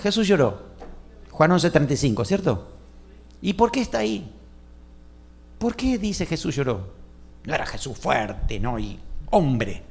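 A man preaching a sermon to a congregation. He shifts between loud, emphatic lines and soft, hushed asides, and asks the listeners questions. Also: on the high side, very animated, measured pace, gravelly, long pauses, slightly rough. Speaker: pastor.

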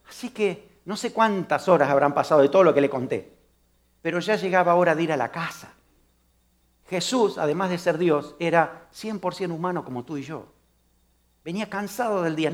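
A male pastor delivers a sermon in a fairly high voice. He is animated and keeps turning to his congregation with questions. Now and then he slips into the voices of the people in his story. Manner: animated, asks the congregation questions, acts out voices of Bible figures.

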